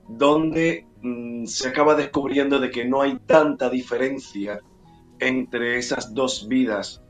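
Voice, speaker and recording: A middle-aged man from Cuba, an actor and playwright, answering interview questions with many fillers and restarts. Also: medium pitch.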